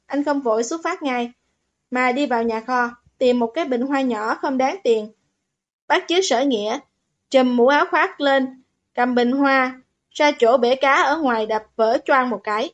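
A woman narrating a novel as an audiobook, in steady, even storytelling. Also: high-pitched, measured pace.

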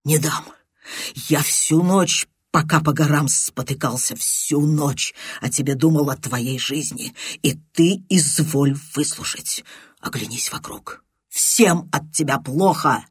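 A reader doing a hoarse, grim man in a half-whisper. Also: a little high, slow pace, no room sound, clean studio sound, exaggerated voice. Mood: grim accusing. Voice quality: torn hoarse shuffling voice. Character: hoarse desperate man, jealous friend. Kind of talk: audiobook character voice.

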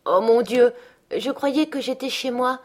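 A woman's voice: medium pitch, normal speed, natural voice. A woman voicing a delirious, frightened young woman in an audiobook, anxious and pleading. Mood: shaken, pleading. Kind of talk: audiobook character reading.

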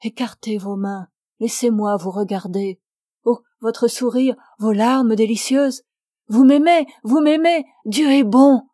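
A woman reading the part of an earnest, devout young man who declares his love solemnly and pleads with fervour, in a slow, mellow voice. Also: mid-range voice, steady tone, dry recording, clean studio sound, lightly acted. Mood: rapturous.

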